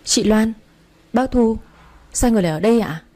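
A woman's voice: fairly high pitch, brisk, warm tone, voice pushed up, natural voice. A woman voicing a coy, whiny young mistress. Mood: flustered. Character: scheming young mistress, coy then panicky.

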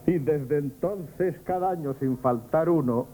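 On a noisy 1970s radio drama tape, a male comic actor plays Liborio, the jovial, pompous old friend of a shopkeeper. His slightly high voice carries a Spanish accent and a warm tone as he talks slowly in flowery, grandiloquent wordplay, chuckling in a merry, nostalgic mood.

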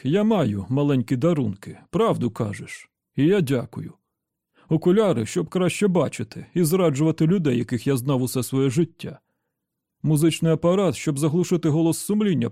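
A man doing a strained, higher-voiced traitor. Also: expressive, moderate pace, creaky, dark tone, dry recording, studio quality. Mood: bitter. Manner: whiny then weary and dignified. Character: frightened, bitter middle-aged male traitor.

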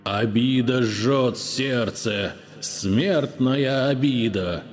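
A man voicing a vengeful, mournful male ghost who moans slowly in a booming, hushed, menacing voice. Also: faint music behind. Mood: moaning, menacing. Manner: moaning sepulchral voice, slow and drawn out.

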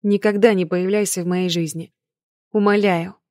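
A woman voicing a hurt young woman who speaks coldly and flatly to her lover in an audiobook. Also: medium pitch, moderate pace, no room sound, clean studio sound, natural voice. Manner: cold, flat.

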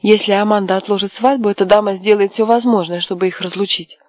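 A woman voicing a headstrong, quick-tempered young wife in an audiobook, sharp and mocking. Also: mid-range voice, fairly even intonation, dry recording, lightly acted. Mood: furious. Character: fiery defiant young wife, headstrong and scheming. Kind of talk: audiobook character voice.

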